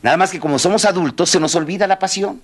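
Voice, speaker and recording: A man's voice: high voice, quick pace. A man giving a motivational talk, telling a story and speaking straight to the audience. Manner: animated, addresses the audience directly.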